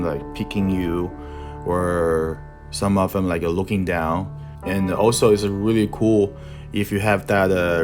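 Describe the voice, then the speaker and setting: Speaking in a deep voice, a young tattoo artist and art instructor describes his design process in a voice-over. A native speaker of Mandarin with a Chinese accent, he stumbles at times and searches for words in his second language.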